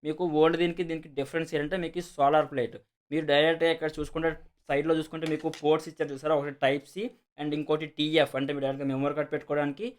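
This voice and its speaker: Racing along with little pitch movement, a man's fairly high voice carries a Telugu accent. As a video host he casually walks through and demonstrates a product, repeating himself and peppering his speech with English words.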